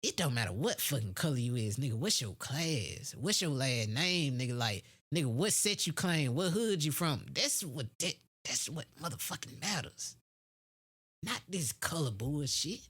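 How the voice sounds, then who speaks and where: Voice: mid-range voice, sing-song, normal speed, fairly bright tone, husky. An American speaker in a casual, unscripted opinion monologue, blunt and heavily profane, using street slang and repeating phrases for emphasis. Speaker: podcast host.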